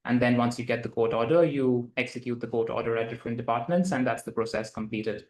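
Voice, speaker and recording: A man's voice: medium pitch, fast, darkish tone. A man, a lawyer, answering interview questions at length, with many fillers and restarts. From Dubai. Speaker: lawyer guest. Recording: roomy echo.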